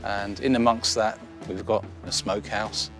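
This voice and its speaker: A man's voice: on the low side, little pitch movement, normal speed, a bit bright, faint music behind. A man who runs a smokehouse, chatting as a guest on a cookery show in a friendly, hesitant way with plenty of fillers. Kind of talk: casual interview chat.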